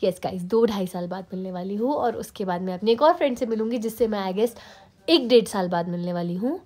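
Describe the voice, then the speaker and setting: A young woman with a sore throat and a hoarse voice, chatting fast to the camera in a casual vlog, recorded without a mic. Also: a little mellow. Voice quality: hoarse, lower than usual. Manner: fast, chatty, mixing English into her talk. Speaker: vlogger. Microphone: no mic, phone camera. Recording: no mic, faint background noise.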